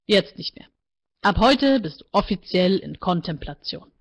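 A woman voicing a calm, coolly bureaucratic male AI life counselor in a book reading, speaking low and measured. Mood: firm. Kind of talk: author reading aloud.

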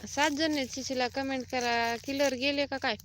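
A woman hosting a live stream, chatting casually, reading out viewer comments and teasing them with drawn-out repeated replies. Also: sits high, steady tone, a bit bright, a little hiss or hum. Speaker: livestream host.

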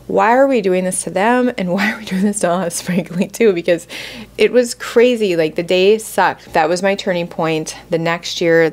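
A woman's voice: fairly low pitch, darkish tone. A woman in her forties hosting a podcast, telling a personal story in a candid, heartfelt, casual way. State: close to tears at moments. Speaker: podcast host.

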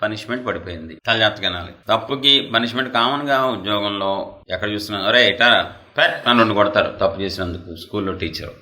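Bright-voiced man preaching with fervor. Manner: emotional preaching, swings between loud outbursts and low, quiet asides. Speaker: pastor. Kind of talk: sermon.

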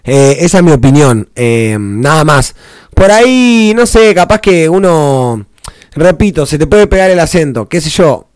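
A man's voice: fairly high pitch, expressive, a little slow, darkish tone, no echo. A man with an Argentine accent, hosting a reaction video in a casual, rambling way, heavy on slang and restarts. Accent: Argentine Spanish. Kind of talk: casual commentary.

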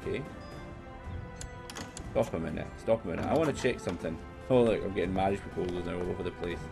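Gravelly low-voiced man narrating gameplay. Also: fast, over music. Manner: rambling, thinking aloud, casual swearing. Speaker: game streamer. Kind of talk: casual let's-play commentary.

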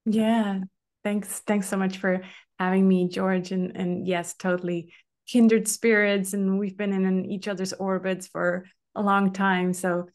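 A middle-aged Swiss woman, a guest on a video call from a room at home, tells her story casually through a webcam. Her mid-range voice is flat and unhurried, and her chatty, open storytelling is full of fillers.

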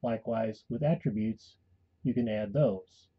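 A man calmly giving a step-by-step voice-over tutorial for a tabletop game tool. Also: lowish voice, unhurried, husky, dull audio. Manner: calm step-by-step instruction. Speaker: tutorial host and game master. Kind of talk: screen-recorded software tutorial.

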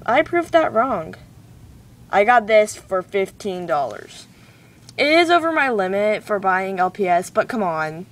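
A woman's voice: medium pitch, big pitch swings, a little slow. A teenage girl with a slight cold and sore throat chatting bubbly to camera while unboxing a toy, wearing a retainer. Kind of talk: casual chat to camera. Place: home, cars passing outside. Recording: mic a bit distant, faint street noise.

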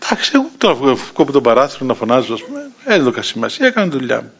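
A man's voice: medium pitch, vocal fry, slightly rough. A man in his sixties with a Cypriot Greek accent, an Orthodox bishop telling a story in a sermon and acting out the voices of the people in it. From Cyprus. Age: 60s. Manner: lively anecdotal telling, acting out quoted voices, chuckling. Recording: dull lo-fi recording.

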